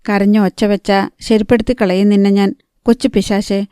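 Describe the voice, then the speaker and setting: A woman voicing a sharp-tongued young woman in an audiobook, mocking and curt. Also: medium pitch, level tone, normal speed, clear, resonant tone, dry recording, studio quality, lightly acted.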